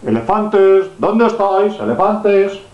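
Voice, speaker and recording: A man playing a friendly flying superhero in a children's story, gently reassuring a child in simple words. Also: medium pitch, big pitch swings, moderate pace, close to an everyday voice. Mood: friendly, helpful. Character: friendly flying male superhero helping a lost little girl. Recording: dull, echoey home room recording.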